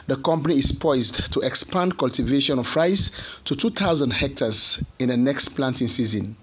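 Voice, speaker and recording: A man reading a scripted television news report as the reporter, in a measured reporter's read. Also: medium pitch, slight background noise.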